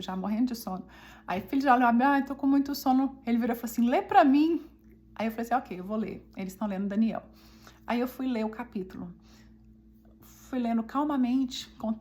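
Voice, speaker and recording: A woman with a Brazilian Portuguese accent giving a conversational devotional teaching. She often checks in with her listeners and slows down to stress key points. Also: fairly high pitch, mellow. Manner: chatty, often asks the listeners "né?" and calls them "gente".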